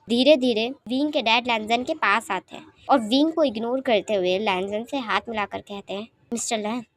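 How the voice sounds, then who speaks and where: A woman narrating a romance fan fiction story, chatty and expressive. Her voice sits on the high side, and she talks the listener through each scene.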